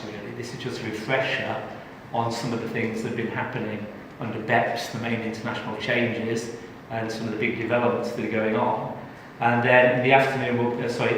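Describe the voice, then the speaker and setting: In a large training room, a middle-aged Englishman gives live tax training, playful and talkative with his audience. His voice is medium-pitched, and the recording, taken from far away in an echoey hall, has a noisy background.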